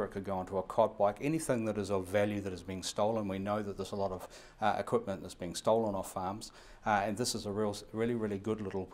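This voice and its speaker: Interviewed in an indoor showroom on a lapel mic, a fairly low-pitched man in his fifties with a New Zealand accent works as a radio equipment supplier. He explains things quickly in long, run-on answers, with many fillers and restarts.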